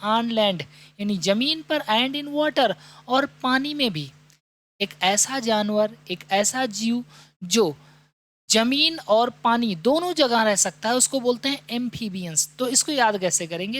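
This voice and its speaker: A man teaching an exam-prep vocabulary lesson. He reads the English definitions slowly, explains them, and keeps asking and answering his own questions. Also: very high-pitched, fairly bright tone.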